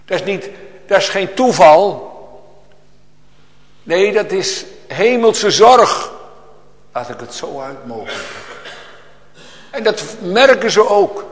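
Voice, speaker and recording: Slow, echoing preacher man. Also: very animated. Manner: preaching with big swings of pitch and loudness. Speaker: pastor. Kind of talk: sermon. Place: church. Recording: echoey church hall with long reverb.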